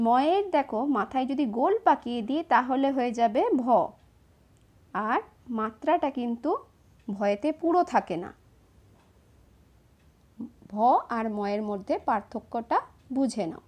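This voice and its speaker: A woman, slowly and patiently explaining each step of writing letters to children. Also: a little high, lively intonation, a little mellow. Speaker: teacher. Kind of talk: handwriting lesson for children.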